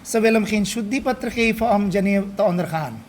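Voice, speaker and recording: A man's voice: high voice, brisk, a little hiss or hum. A man, a swami, leading a scripture study group, explaining and often checking in with his listeners, slipping Hindi and Sanskrit phrases into his talk.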